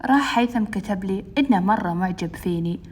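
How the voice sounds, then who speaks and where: A woman's voice: mid-range voice, expressive, brisk, a little mellow. A young woman telling a first-person story, chatting directly to her listeners.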